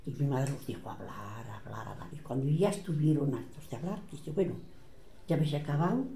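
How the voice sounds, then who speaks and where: A woman's voice: rumbling low, lively intonation, a little fast, gravelly, warm tone, echoey room, slight background noise. An older woman with a Catalan accent tells family stories aloud and acts out the voices of the people she quotes. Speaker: relative recounting family history. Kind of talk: oral family storytelling.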